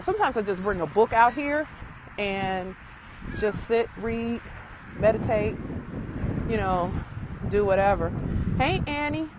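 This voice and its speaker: Chatty woman, slightly winded, outdoors. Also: mid-range voice. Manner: chatty, rambling, with many fillers and laughs. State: a little out of breath from walking. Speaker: real estate agent. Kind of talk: casual live-stream walking tour. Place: outdoors by a city lakefront. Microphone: phone held while walking. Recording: outdoor phone recording with traffic noise.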